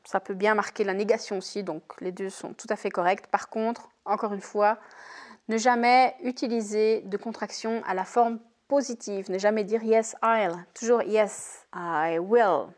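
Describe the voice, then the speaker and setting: Woman, English teacher, measured deliberate delivery. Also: mid-range voice, fairly even intonation. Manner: slow, careful, repeats English example phrases clearly. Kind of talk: recorded language lesson.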